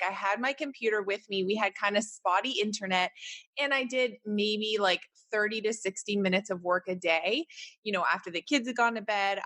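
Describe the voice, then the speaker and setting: A woman's voice: mid-range voice, a bit bright. Chatty Canadian woman podcast host. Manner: chatty, encouraging, many fillers like "like" and "right?". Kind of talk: casual solo podcast.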